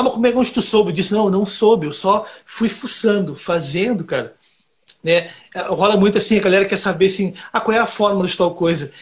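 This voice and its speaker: A man from Brazil, a recording engineer and guitarist chatting casually and telling rambling stories full of fillers. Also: high-pitched. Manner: rambling, animated storytelling with many fillers. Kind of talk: casual podcast chat.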